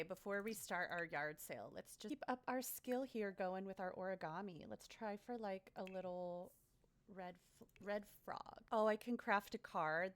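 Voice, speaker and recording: Bubbly woman chatting over a game. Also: fairly low pitch. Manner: bubbly, chatty, easily delighted. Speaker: let's play host. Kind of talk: casual gameplay commentary.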